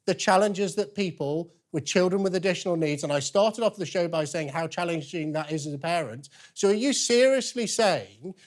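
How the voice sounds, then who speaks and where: A man's voice: high-pitched, normal speed, few pauses. A man hosting a live phone-in discussion, courteous but firm, repeating his point to a caller. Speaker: radio phone-in host and politician.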